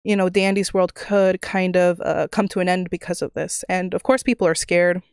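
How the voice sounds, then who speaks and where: A woman's voice: lowish voice, steady tone, moderate pace, a little mellow, clean tone, dry recording, studio quality. A woman livestreamer talking casually to her viewers, rambling with many fillers and restarts into a desk microphone at home. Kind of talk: casual live-stream chat.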